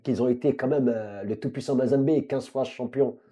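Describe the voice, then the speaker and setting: A man hosting a talk show, chatting with his guest in a chummy, lively way and slipping into short speeches. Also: mid-range voice, moderate pace. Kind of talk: casual interview chat.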